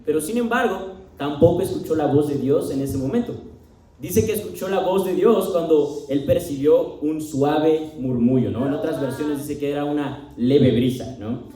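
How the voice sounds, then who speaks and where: High-voiced Mexican preacher in echoey room. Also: male voice. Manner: conversational, ends phrases with a questioning "right?"; reads scripture slowly, swings between loud emphasis and quiet asides. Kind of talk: sermon. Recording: echoey room, speaker distant from mic.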